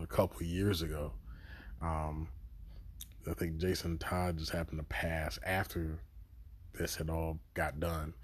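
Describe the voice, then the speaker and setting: A man talking through a show review on his podcast in a loose, rambling, profane way, with sudden excited bursts. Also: sits low. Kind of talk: casual spoken review.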